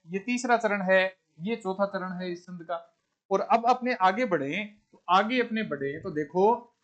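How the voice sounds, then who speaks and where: A male teacher with a fairly high voice leads an exam-prep lesson on verse meter. He puts a question to the class, repeats it, and answers it himself. He counts out beats one by one in a steady drilling rhythm. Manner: counts syllable beats aloud step by step. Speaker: Hindi teacher.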